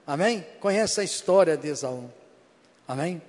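A high-pitched man preaching with a Brazilian Portuguese accent, pressing his points home by repeating them and calling out to the congregation for agreement. His voice rings with the long reverb of a church hall. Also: lively intonation, normal speed, darkish tone. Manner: emphatic, repeats phrases, keeps asking the congregation "Amém?". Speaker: pastor. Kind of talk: sermon with personal testimony.

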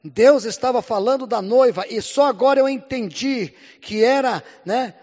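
A Brazilian man preaching a sermon in Portuguese, often calling out "Amém?" and "Glória a Deus", swinging between loud and hushed lines. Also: very high voice, moderate pace. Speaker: pastor. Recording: muffled sound with long hall reverb.

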